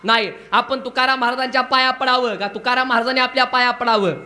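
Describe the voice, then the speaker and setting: A man giving a humorous devotional sermon to children, bantering and coaxing them to shout back. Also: very high voice, fairly even intonation, quick pace. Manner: bantering call-and-response, coaxing the crowd to shout. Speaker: kirtan preacher.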